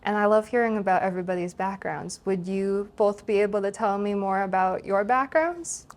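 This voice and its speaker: A woman's voice: medium pitch, moderate pace. Upbeat woman hosting a podcast. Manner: upbeat, enthusiastic. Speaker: podcast host. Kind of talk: hosting an interview.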